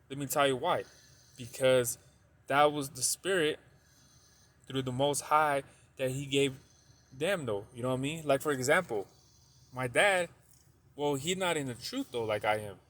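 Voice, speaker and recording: A man's voice: medium pitch, measured pace, long pauses, a bit bright. Rambling man giving a casual religious talk. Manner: rambling, heavy use of "you know" and a tag "though"; repeats points to stress them. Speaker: religious video presenter. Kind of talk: casual religious teaching monologue.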